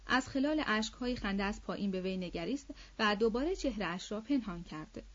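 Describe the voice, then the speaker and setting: A woman narrating a classic novel as an audiobook in a steady, measured reading voice. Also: medium pitch. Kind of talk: scripted literary narration. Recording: slightly dull lo-fi audio.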